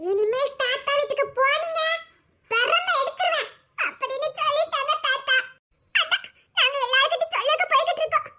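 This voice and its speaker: Squeaky giggling little kids, voiced by a woman. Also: fairly quick, pushed and bright. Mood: cheeky. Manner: squeaky, giggling childlike chatter. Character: cheeky little children, tattling and giggly. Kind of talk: comic family skit.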